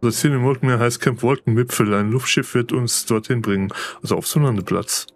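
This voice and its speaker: A man's voice: mid-range voice, a little fast, a little hiss or hum, close to an everyday voice. A man reading the lines of an eager, boastful young noble son in a game, plainly read aloud. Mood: chatty.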